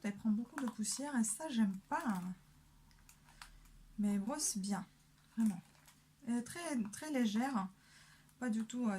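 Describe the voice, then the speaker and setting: A woman's voice: on the high side, dark tone, a little hiss or hum. A young woman chatting casually while doing her makeup, full of hesitations and fillers. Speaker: beauty vlogger.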